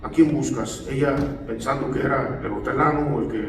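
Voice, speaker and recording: A man's voice: mid-range voice, moderate pace, creaky, background noise. A male pastor preaching a sermon in a church, often asking the congregation for amens. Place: church hall. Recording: echoey hall, voice far from the mic.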